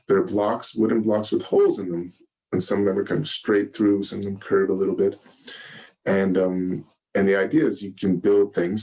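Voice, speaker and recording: Halting, gentle male Zen teacher. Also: deep voice. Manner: gentle, halting, searching for words. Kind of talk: dharma talk. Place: meditation hall.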